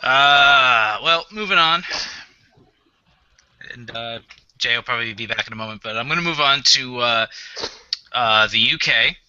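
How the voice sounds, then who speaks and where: A man's voice: medium pitch, measured pace, long pauses, pushed and bright, clear, resonant tone, no room sound. A man hosting a podcast in casual chat, hesitant with many fillers as he works through a list of names. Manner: hesitant, lots of "uh" fillers, reads through lists. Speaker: podcast host. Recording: dull, dry, muffled audio.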